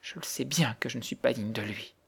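Brief: a timid young woman, put on by a man, soft, hushed, begging, for a storybook reading. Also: medium pitch, brisk, creaky, slightly rough. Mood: distressed. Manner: soft, hushed, pleading, half whispered. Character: frightened young woman, humble and pleading.

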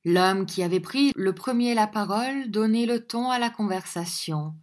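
A woman reading a classic novel aloud in a steady, measured storytelling voice. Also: mid-range voice. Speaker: audiobook reader. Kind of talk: scripted narration of a classic novel.

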